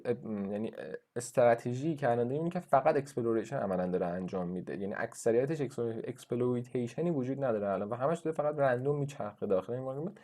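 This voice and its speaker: A man's voice: mid-range voice, mellow. A man lecturing in a screen-recorded coding tutorial, thinking aloud with fillers and restarts as he walks through his code. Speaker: university lecturer.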